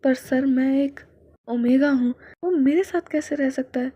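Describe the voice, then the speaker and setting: A woman's voice: sits high, unhurried, dark tone, dry recording. Woman reading a clipped young commando. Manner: clipped, respectful. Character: young male commando, dutiful and stubborn.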